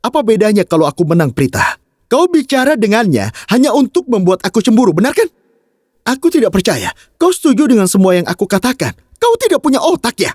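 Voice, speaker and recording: A man's voice: high-pitched, wildly swooping pitch, brisk, a little mellow, dry recording, studio quality, exaggerated voice. An actor dubbing a hot-headed young husband who scolds and pleads with his wife in a TV drama. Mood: scolding. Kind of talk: dubbed TV drama.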